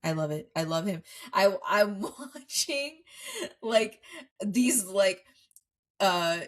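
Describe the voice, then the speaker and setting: A young woman co-hosting a casual podcast, chatting and quoting clips in lively voices. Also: mid-range voice, slow pace. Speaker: podcast co-host. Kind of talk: casual chat.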